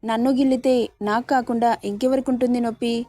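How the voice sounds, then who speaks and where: Feisty young bride, read by a woman, slightly high, warm tone. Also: steady tone, quick pace, no room sound, lightly acted. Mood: playful. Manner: feisty, playful. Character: young woman, spirited, feisty new wife.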